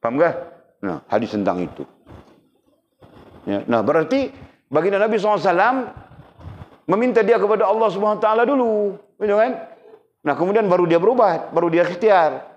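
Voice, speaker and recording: A middle-aged man giving a lively religious lesson and often asking his listeners questions. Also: sits high, brisk, long pauses. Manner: lively, asks the audience questions. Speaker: religious teacher. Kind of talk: sermon. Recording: dull lo-fi recording with faint noise.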